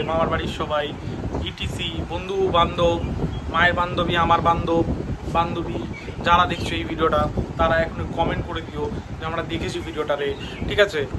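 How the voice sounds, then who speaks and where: Chatty high-voiced young man vlogging. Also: background noise. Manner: chatty, teasing, pleading with his mother. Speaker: family vlogger. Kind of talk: casual vlog chat to camera.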